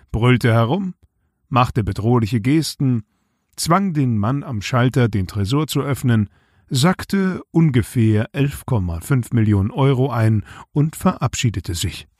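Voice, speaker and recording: A man reads a short story aloud at a measured, unhurried pace. His voice is husky and mid-pitched. The sound is dry and close. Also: a little mellow, no echo. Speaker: podcast co-host.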